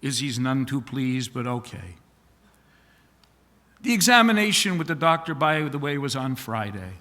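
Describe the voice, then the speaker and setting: A man, a rabbi, giving a eulogy with animated joke-telling and folksy asides in a synagogue sanctuary. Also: mid-range voice, normal speed. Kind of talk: eulogy with humorous storytelling. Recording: long reverb of a large hall.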